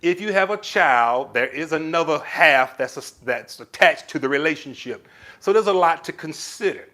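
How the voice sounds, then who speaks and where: With a fairly high pitch and a moderate pace, a man runs a casual livestream reading out viewers' comments. He gives relationship advice in a lively way and calls the audience "baby" and other pet names.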